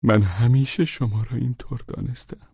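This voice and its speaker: A man voicing a fawning, anxious middle-aged man who has been drinking, pleading and stammering in a high-strung way. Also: vocal fry, warm tone, breathy edge, no echo. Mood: effusive. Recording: dull lo-fi recording.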